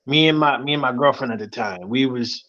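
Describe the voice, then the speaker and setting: A man joining a panel from a dark room on a video call, telling a story hesitantly with many fillers. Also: mid-range voice, a little fast. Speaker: panel guest. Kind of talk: casual storytelling. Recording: dull lo-fi call audio.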